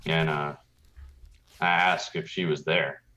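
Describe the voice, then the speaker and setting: A man's voice: a bass voice, flat delivery, slow, sharp tone. A man player in a tabletop game, asking questions in a slightly confused way. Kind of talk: casual tabletop play. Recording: dull lo-fi sound.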